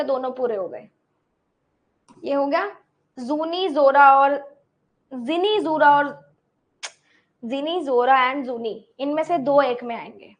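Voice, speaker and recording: High-voiced woman teacher, slow and patient. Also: dull audio. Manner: explains step by step, repeats names and checks in with the class. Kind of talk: online class explanation.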